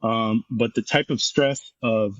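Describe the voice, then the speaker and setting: Middle-aged guy, lowish voice, blunt and intense, swears a lot, kinda muffled dry sound. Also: fairly even intonation, slow pace, a bit bright, dry recording. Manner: frank, intense, swears freely. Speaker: guest, former firefighter and paramedic. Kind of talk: candid storytelling interview.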